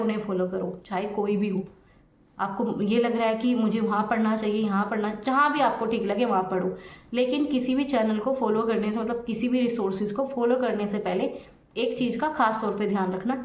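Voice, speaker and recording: A woman's voice: on the high side, darkish tone, roomy sound. A woman coaching exam candidates in a direct, scolding way, repeating her points for emphasis. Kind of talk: motivational exam-prep lesson.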